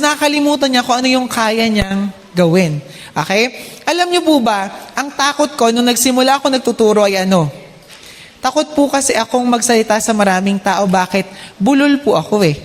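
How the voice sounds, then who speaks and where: A woman with a Filipino accent preaching a sermon in a church hall, often asking the congregation "Okay?". She has slight trouble with the R sound. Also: high voice. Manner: polite, checks in with the congregation with "Okay?"; mixes English phrases into her talk. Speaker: church speaker and children's teacher. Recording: long hall reverb.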